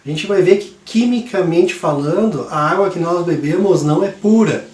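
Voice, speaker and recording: A man teaching a science lesson to young students in a chatty, relaxed way, his voice hoarse from a cold. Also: high voice, normal speed, echoey room. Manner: chatty, relaxed, many fillers. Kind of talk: classroom lesson for kids.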